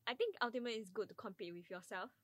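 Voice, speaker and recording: Bright-voiced young Singaporean woman speaking Singlish. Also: a little high, rapid-fire, no room sound. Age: young adult. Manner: Singlish with local particles. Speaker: university student on a podcast. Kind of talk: casual group discussion.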